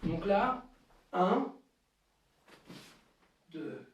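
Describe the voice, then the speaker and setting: A man teaching an online karate class, calling counts and kiai shouts between slow explanations. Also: high-pitched, expressive, lo-fi sound, slight background noise. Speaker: karate instructor. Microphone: camera at a distance. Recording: echoey room, voice far from the mic.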